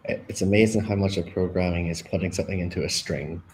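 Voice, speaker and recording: A man's voice: low voice, steady tone, fast, darkish tone, a little hiss or hum, low-quality recording. A man, a company founder and guest, chatting in a friendly way and readily agreeing during a live stream. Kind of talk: casual chat.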